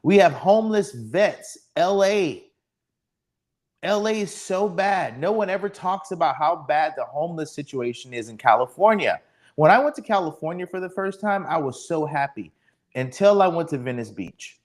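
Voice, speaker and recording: A man's voice: fairly high pitch, lively intonation, normal speed. A man in his forties from Texas, hosting a solo live podcast stream, ranting sardonically and speaking to the chat. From Texas, USA. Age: 40s. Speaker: podcast host.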